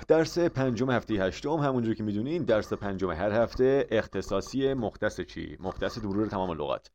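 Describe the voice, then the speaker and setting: A low-voiced man with a Persian accent works through a vocabulary lesson. He explains each word patiently, posing questions to his listeners and answering them himself. The recording is muffled and lo-fi. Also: a little mellow. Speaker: English vocabulary teacher.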